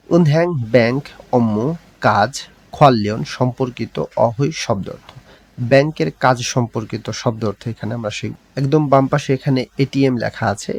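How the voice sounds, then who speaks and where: Gravelly-voiced man teaching a language lesson. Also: medium pitch, a little mellow. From Bangladesh. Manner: patient step-by-step explanation, reads words out slowly. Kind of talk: explaining textbook lesson.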